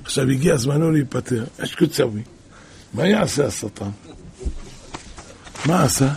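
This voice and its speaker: A man preaching a sermon and telling stories in an animated way, full of rhetorical questions. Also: medium pitch. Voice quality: gravelly and husky. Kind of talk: sermon with storytelling.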